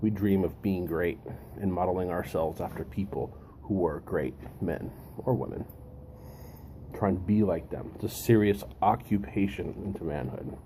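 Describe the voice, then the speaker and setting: Male host, deep-voiced and deliberate, musing over readings with pauses, faint-to-clear ambient noise behind. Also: warm tone. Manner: deliberate, pausing, repeats phrases for emphasis. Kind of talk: reflective monologue, reading and commenting.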